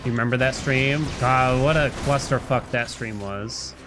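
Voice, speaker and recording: Against loud video game music, a man with a mid-range voice at a moderate pace chats casually with viewers as he livestreams a game. His talk is rambling and playful, broken up by nonsense sounds.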